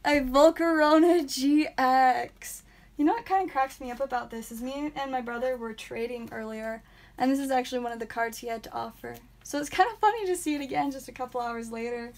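A young woman hosting a live stream from a small home room, chatting casually and naming each card aloud with bursts of excitement. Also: high-pitched, fairly quick. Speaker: live stream host opening card packs.

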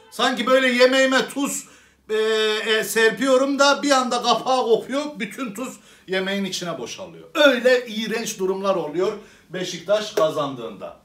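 A man's voice: sits high, fairly bright tone, recorded from a distance. A man playing a hot-tempered male club president who rants theatrically, swinging from sweet talk to fury. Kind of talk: comedy sketch monologue. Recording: roomy echo, away from the mic.

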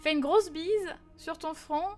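A chatty young woman with a high, light voice talks casually to her stream audience, answering viewer messages in an animated way, with frequent fillers. Faint music plays behind her. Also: a little slow.

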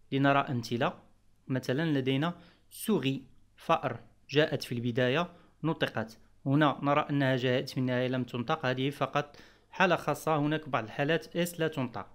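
A man teaching French letter sounds in Arabic, patiently repeating each example word. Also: mid-range voice. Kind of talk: explaining pronunciation rules.

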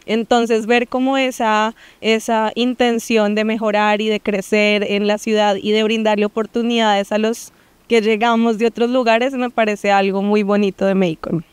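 In an on-camera interview in an outdoor downtown plaza, a woman in her thirties who founded a project speaks earnestly into a handheld mic with a Colombian Spanish accent, filling pauses often. Her voice is smooth and medium-pitched, with little pitch movement and a moderate pace, in a dry recording.

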